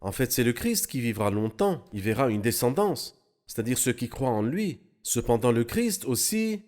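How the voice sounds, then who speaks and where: A man explaining Bible passages in an animated, teaching manner during a studio discussion. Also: medium pitch, normal speed.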